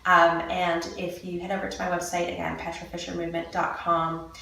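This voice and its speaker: A woman movement coach giving a casual lesson and slowly demonstrating mouth sounds. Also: lowish voice, little pitch movement, gravelly, pushed and bright, a little hiss or hum. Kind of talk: casual instructional talk. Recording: echoey room, mic at a distance.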